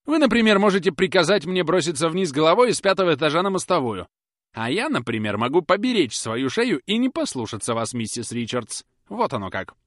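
A man reading an audiobook and voicing a fiery, sharp-tongued young nursemaid who rants in a high, mocking voice. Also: sing-song, a little fast, no room sound, clean studio sound. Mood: indignant. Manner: shrill, indignant, mocking.

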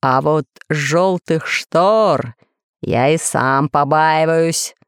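A woman voicing a boastful, scheming male villain who calmly brags about his monsters in a children's story. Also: sits low, drawn-out words, clean tone, dry recording, clean studio sound, exaggerated voice. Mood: smug, boastful. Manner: calm, boastful.

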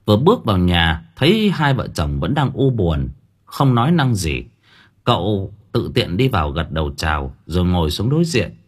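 Expressive male narrator, husky, wide-ranging pitch for a story read. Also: moderate pace. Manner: lively, expressive. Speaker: audiobook narrator.

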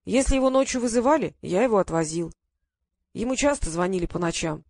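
A woman voicing a frail old man who speaks slowly in short sentences, with a whistling lisp from bad dentures. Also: mid-range voice, animated, a little mellow, no echo, studio quality. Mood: fond. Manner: slow, halting.

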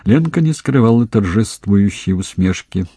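A man reading a novel aloud as narrator, calm and measured. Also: lowish voice, breathy edge, no room sound, clean studio sound. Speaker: audiobook narrator. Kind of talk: scripted narration.

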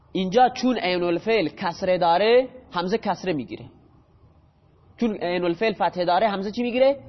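A man with a high voice teaches a grammar class, taking each rule step by step and stopping to quiz his students. The audio is dull and muffled, and his voice rings with a long hall reverb. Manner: explains step by step, quizzes students with questions.

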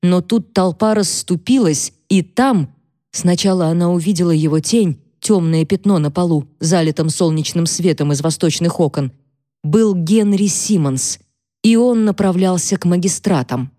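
Low-voiced woman narrating a novel. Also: moderate pace, dark tone, no room sound, clean studio sound. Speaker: audiobook narrator. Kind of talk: scripted narration.

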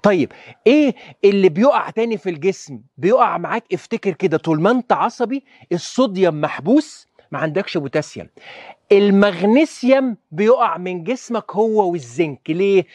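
Lecturing on health with plenty of energy, a doctor with an Egyptian Arabic accent repeatedly tests his listeners with rhetorical questions. His voice sits high, and the recording is dry.

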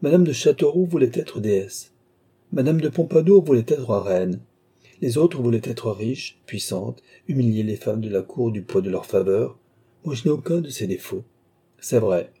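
A man's voice: mid-range voice, animated, normal speed, mellow, slightly rough. A man voicing a proud, witty young royal mistress in an audiobook, sulky and mock-indignant. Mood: coaxing. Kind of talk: audiobook character reading.

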